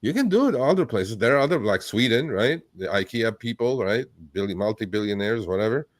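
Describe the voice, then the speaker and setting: A man born in Turkey, hosting a live chat, talking bluntly and with profanity, telling animated stories. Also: on the low side, a little fast, dry recording. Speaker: host. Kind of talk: casual livestream chat.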